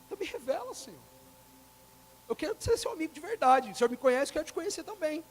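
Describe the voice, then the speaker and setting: A man preaching a sermon, acting out quoted dialogue and swinging between loud bursts and soft, quiet lines. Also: extremely high pitch, sing-song, fast.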